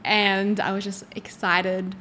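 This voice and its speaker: A woman's voice: medium pitch, little pitch movement, slow, sharp tone, slight background noise. A woman hosting a relationship podcast, chatting in an upbeat, casual way. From Australia. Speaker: podcast host. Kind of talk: casual chat.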